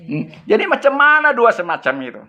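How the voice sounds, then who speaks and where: Bright-voiced, chatty male pastor. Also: very high-pitched, big pitch swings, a little fast, muffled recording. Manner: chatty, laughs often, acts out quoted speech. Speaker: missionary pastor. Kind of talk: casual storytelling chat.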